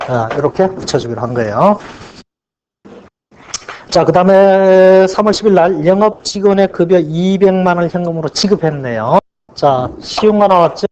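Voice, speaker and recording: In a dull, lo-fi lecture recording with slight background noise, a male accounting lecturer speaks in a high, somewhat mellow voice. He asks his class questions, supplies the answers himself, and stretches out his main points for emphasis.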